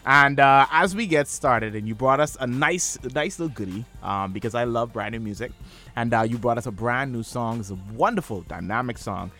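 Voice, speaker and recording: A man hosting a radio show in a studio, hyping the audience with big swooping pitch. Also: brisk, pushed and bright, soft background music. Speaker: radio host.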